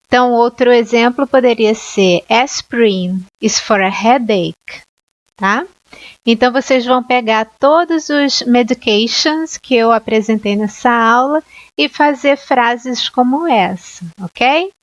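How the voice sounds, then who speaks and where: A Brazilian woman teaching an English lesson, explaining grammar slowly and clearly and often checking with "ok?". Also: a little high. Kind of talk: online language lesson. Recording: dull lo-fi sound.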